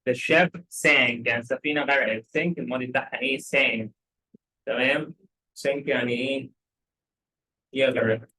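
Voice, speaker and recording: A man with an Egyptian Arabic accent teaching English, who reads story lines slowly and then explains them in quick Arabic with repeated check questions. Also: mid-range voice, fairly even intonation, pushed and bright, poor audio.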